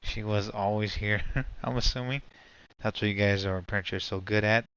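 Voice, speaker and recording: A man's voice: fairly low pitch, steady tone, normal speed, a bit bright, smooth, low-quality recording. A man giving casual, rambling, slangy live commentary as a game streamer. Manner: rambling, slangy, repeats "pretty much".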